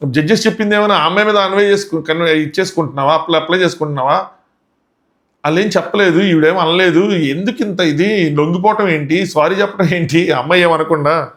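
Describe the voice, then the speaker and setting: Guy ranting fast about a reality show episode, lots of why-would-you questions, kinda high voice. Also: a bit bright. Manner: indignant, full of rhetorical questions. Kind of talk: casual video commentary.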